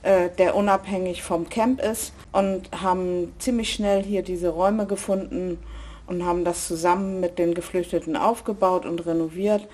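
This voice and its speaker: A woman's voice: lowish voice, steady tone, normal speed, a little mellow. Earnest woman volunteer organizer. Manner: earnest, emphatic, with tag questions. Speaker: volunteer organizer of a refugee meeting place. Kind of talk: conversational interview.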